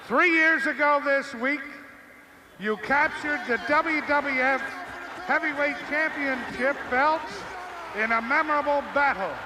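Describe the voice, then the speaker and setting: A man presiding as a league president, reading a formal tribute in a measured way. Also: very high-pitched, noisy background.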